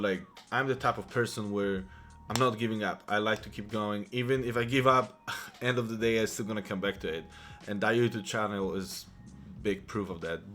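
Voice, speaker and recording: A man in his thirties with a Polish accent tells his own story straight to camera, chatty and rambling, often restarting his sentences. His voice sits on the low side. Faint music plays underneath. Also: fairly bright tone. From Poland. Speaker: vlogger. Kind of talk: casual personal storytelling to camera.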